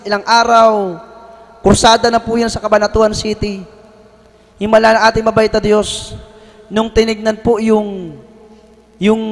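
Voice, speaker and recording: Male preacher, very high-pitched, testimony sermon with shouted praise, reverberant church hall.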